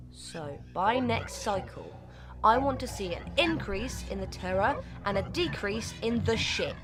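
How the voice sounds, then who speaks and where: A woman playing Death, a weary, irritable underworld boss with an informal, exasperated manner in an audio drama. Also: medium pitch. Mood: stern boss. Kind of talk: scripted audio drama acting.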